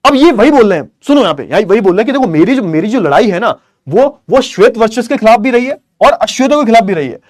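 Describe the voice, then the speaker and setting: Male online tutor, high pitch, dead-dry mic, question-and-answer lecturing with lots of repetition. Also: animated, fast talker, darkish tone, no room sound. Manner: explains by asking and answering his own questions; repeats key phrases, calls students beta. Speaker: teacher.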